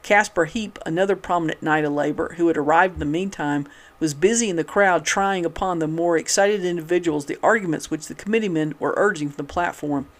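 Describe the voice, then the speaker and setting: A man reading an old newspaper article aloud in a steady, measured way, with occasional restarts. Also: fairly high pitch. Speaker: reader of a historical newspaper.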